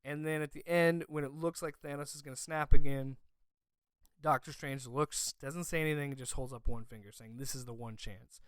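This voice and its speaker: A man's voice: a little high, fairly even intonation, normal speed, clear, resonant tone, no echo. A young man hosting a podcast, gushing emotionally in a casual review chat with lots of fillers. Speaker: podcast host.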